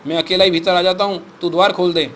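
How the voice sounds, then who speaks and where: A man's voice: high voice, flat delivery, quick pace, a little hiss or hum. A man voicing a stern, bullying male cleric who gives threatening commands in a storybook reading. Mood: menacing. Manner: shouting commands, menacing.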